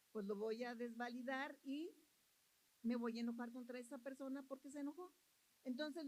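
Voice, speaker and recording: A high-pitched woman delivers a sermon from the pulpit. She speaks earnestly, circling back over her phrases and putting questions to the listeners. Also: a little mellow, poor audio. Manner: earnest, repeats phrases, asks the congregation questions. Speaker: preacher.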